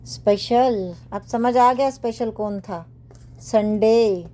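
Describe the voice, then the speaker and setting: Woman doing a tarot reading at home on her bed, slow and kinda preachy, higher voice, repeats stuff. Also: dark tone. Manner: earnest and preachy, repeats phrases, mixes in English affirmations. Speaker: tarot reader. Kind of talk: casual tarot reading for viewers. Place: home bedroom, cards spread on a bed.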